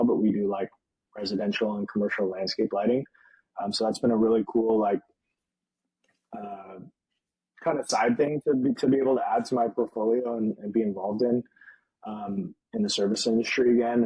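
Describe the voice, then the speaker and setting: A man's voice: fairly low pitch, husky, dry recording, lo-fi sound. A man in his early thirties, a podcast guest talking easily about his life and work, with frequent laughs and fillers. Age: 30s. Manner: easygoing, laughs often, many fillers. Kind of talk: casual interview chat.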